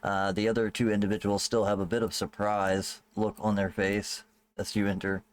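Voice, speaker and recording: A man's voice: on the low side, flat delivery, moderate pace, no echo. A man running a tabletop game as game master, casual and loose, with swearing and laughing asides.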